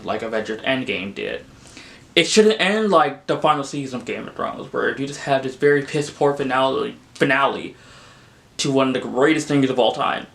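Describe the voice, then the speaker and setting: Young male film vlogger, casual and exasperated, loose rambling delivery with lots of fillers, mid-pitched voice. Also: a bit bright. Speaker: film reviewer. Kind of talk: casual spoken movie review.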